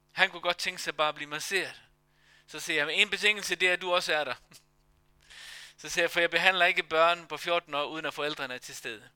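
Male pastor testimony, high bright crisp voice, dry close sound. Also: no echo. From Denmark. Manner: emotional storytelling with hesitations. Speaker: pastor and massage therapist. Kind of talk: sermon testimony.

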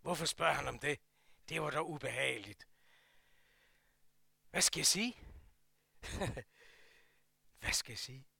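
Older Jutlandic man telling a lively story. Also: on the high side, creaky, pauses often, slightly rough, dry recording. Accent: Jutlandic Danish. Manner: lively storytelling, swings from loud to hushed. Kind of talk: personal anecdote.

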